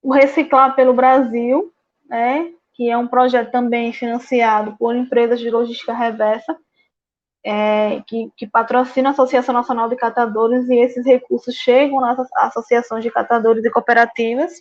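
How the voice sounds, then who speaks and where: High-voiced woman presenting slides, dull sound. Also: flat delivery. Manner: frequent "né" and "é" fillers, halting restarts. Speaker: guest speaker on waste management. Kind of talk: slide presentation at a public event.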